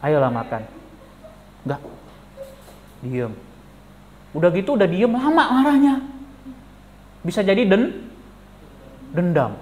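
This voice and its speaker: A male pastor giving a lively sermon, animated and jokey, questioning the congregation. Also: high-pitched, takes it slowly, pauses often. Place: church.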